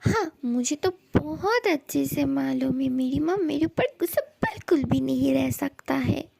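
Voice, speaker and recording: A woman's voice: sits high, animated, unhurried, creaky, noisy background, heavily acted. A woman voicing a pleading, doting young son. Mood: coaxing. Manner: pleading, repeats words for emphasis. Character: devoted young adult son, pleading and affectionate. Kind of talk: fan dub audio drama.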